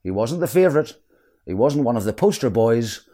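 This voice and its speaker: A man's voice: mid-range voice, big pitch swings, normal speed, mellow. A man reading scripted narration for a sports documentary. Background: background music.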